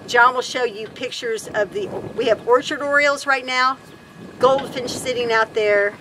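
Out on a wooden deck, a woman in her fifties who hosts a homesteader vlog talks to camera in a relaxed, rambling way, often correcting herself. She speaks at a moderate pace in a fairly high voice, and the background is noisy.

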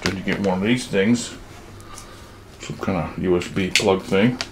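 A man's voice: sits low, a little slow, heavy background noise. A man in his sixties giving a casual, rambling toy demo in a folksy, playful way. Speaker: product demonstrator. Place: home kitchen. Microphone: camera a few feet away.

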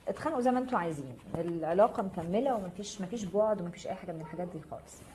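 Quick-talking Egyptian woman reading tarot. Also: on the low side, animated, noisy background. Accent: Egyptian Arabic. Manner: reassuring, speaks straight to viewers by name. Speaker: tarot reader host. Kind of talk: live tarot reading, answering viewer comments.

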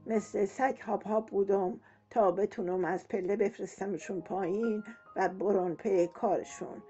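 A woman's voice: medium pitch, steady tone, mellow, natural voice. Woman putting on a gossipy old grandmother. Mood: grumbling. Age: older. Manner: complaining, nagging, talkative. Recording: dull lo-fi audio with faint music.

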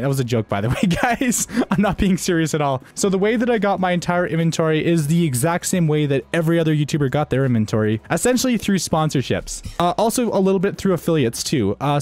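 A man's voice: fairly high pitch, darkish tone. A young man, a gaming YouTuber, chatting casually and jokingly, rambling with lots of fillers and restarts. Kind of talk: casual joking vlog talk.

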